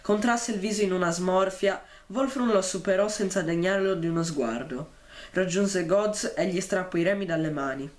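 A man reading a novel chapter aloud and then discussing it, with frequent "eh" fillers and throat-clearing. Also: high voice, moderate pace. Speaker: book reader and commentator.

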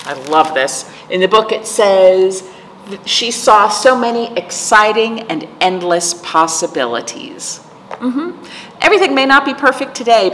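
Her voice sits lowish with a touch of brightness as this middle-aged storytime host talks with young children, explaining things and asking lots of questions. The setting is a library room indoors with a decorated wall, recorded with echo and clearly audible background noise.

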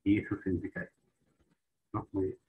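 A man giving a spoken lecture, halting, with many fillers and restarts and frequent tag questions. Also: narrow, tinny audio. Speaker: teacher. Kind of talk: spoken lecture on the history of Spanish.

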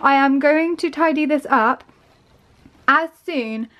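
High-voiced, excitable British teen girl. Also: highs cut off. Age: teens. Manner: excitable, gushing, quick to squeal with delight. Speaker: vlogger. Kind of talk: casual vlog chat to camera. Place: at home, bedroom and desk.

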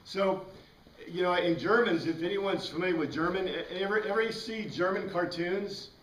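A middle-aged American man with a high-pitched, fairly bright voice gives a casual lecture at a normal pace, rambling and asking his class questions. He's the teacher in a small room with a whiteboard and bookshelves. A camera across the room picks him up, so the sound is distant and echoey with background noise.

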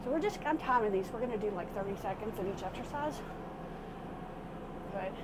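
A woman's voice: medium pitch, animated, a little fast. A middle-aged woman giving a casual, informal workout demonstration as a fitness instructor while she exercises, recorded inside a small RV from a few steps away. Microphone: camera a few steps away. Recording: clearly noisy vehicle interior sound.

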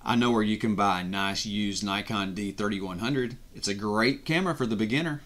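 A man's voice: fairly low pitch, a little fast, fairly bright tone. A man in his forties vlogging from his home office, chatty and easygoing, with playful asides to his viewers. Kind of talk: casual vlog talk to camera. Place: indoor home office with desk and monitors.

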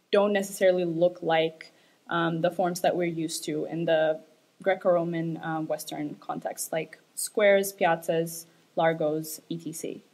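A young woman from Ethiopia, a graduate student, giving an academic presentation with frequent fillers and hesitations. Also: medium pitch. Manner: hesitant, many fillers, light laughs.

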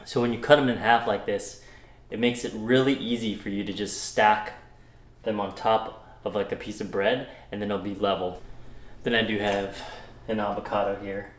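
A man's voice: on the low side, steady tone, normal speed. A young man hosting a home cooking tutorial, upbeat and enthusiastic as he talks through each step in his kitchen. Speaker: cooking show host. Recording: roomy kitchen with background music.

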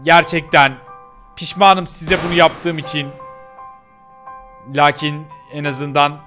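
A man's voice: on the high side, steady tone, slow pace, music in the background. A man voicing a brave, determined young girl in a game role-play, bossy and urgent as she scolds her companion.

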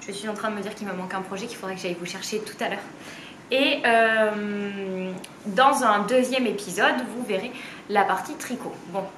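A woman's voice: mid-range voice, background noise. A woman in her late twenties talking openly in a home sewing vlog, hesitant with many fillers. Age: 20s. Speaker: sewing vlogger. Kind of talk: candid personal vlog. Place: bright room at home with a dress form. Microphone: camera a few steps away. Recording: roomy, slightly distant, faint ambience.

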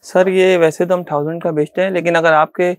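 A middle-aged man with a Pakistani Urdu accent, a shopkeeper giving a sales pitch in a small clothing shop, repeating himself insistently as he shows coats. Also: level tone, brisk, no room sound. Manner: repetitive, insistent salesman patter.

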